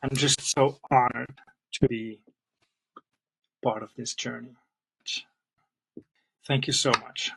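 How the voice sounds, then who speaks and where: A middle-aged Flemish man speaks English with his native accent, talking straight to the camera as a language teacher. He sounds earnest and heartfelt, and he addresses the viewer warmly. His voice sits at an ordinary male pitch. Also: fairly even intonation, takes it slowly, vocal fry, long pauses, slightly rough, rough recording. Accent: Flemish Belgian. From Belgium (Flanders, near Antwerp). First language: Dutch (Flemish). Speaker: language teacher and channel host. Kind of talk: personal channel introduction to camera.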